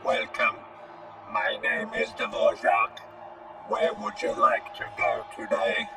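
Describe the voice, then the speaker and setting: A man doing a high whispering time machine guide. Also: huge pitch swings, takes it slowly, recorded from a distance, loud music behind the voice, exaggerated voice, rough recording. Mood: formal. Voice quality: whispered, breathy. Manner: polite announcer tone.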